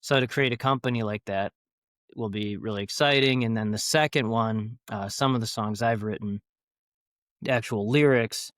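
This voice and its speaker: Podcast guest: man, lowish voice, rambling and upbeat, dry recording. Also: normal speed, a bit bright, dry recording. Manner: rambling, enthusiastic, many fillers and restarts. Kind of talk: casual interview talk.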